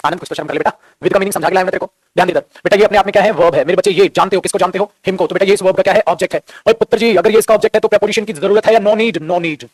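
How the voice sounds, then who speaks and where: A man teaching a grammar class at a breakneck pace, his voice pitched high. He scolds his students in a playful way and keeps drilling the same questions over and over. The sound is dry and close, with no room echo. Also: racing, hardly any pauses. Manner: playful scolding, calls students "beta", jokes; teasing, repetitive drilling questions. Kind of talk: Hindi-medium grammar class lecture.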